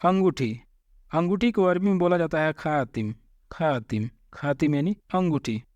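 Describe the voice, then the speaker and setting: A man teaching vocabulary, repeating each word slowly and addressing viewers as friends. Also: a little high, darkish tone, dry recording, highs cut off. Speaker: Arabic language teacher. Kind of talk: vocabulary lesson.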